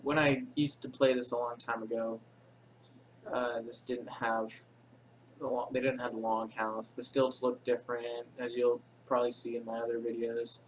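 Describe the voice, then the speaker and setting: This channel host drifts through a casual game tutorial recorded off his screen, his mid-pitched delivery flat and his speed normal. Unscripted, he keeps saying um and fixing his own words, calls his voice boring, and the poor audio has some hiss underneath.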